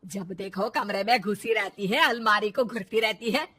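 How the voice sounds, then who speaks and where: A woman voicing a bossy, scolding middle-aged mother-in-law in an animated story, with a taunting, nagging manner. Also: medium pitch, normal speed.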